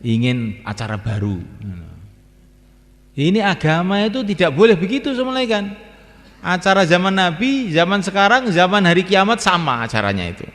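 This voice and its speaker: A man preaching a sermon in a repetitive, emphatic way, swinging between soft and loud. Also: high-pitched, big pitch swings, moderate pace. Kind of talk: sermon to a gathering. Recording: echoey hall with long reverb.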